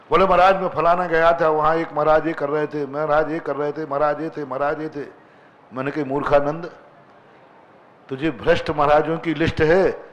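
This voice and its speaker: A man's voice: on the high side, poor audio. A man, a monk preacher, delivering a sermon with emphatic rhetorical questions to an assembly. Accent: Hindi. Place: assembly hall with seated women.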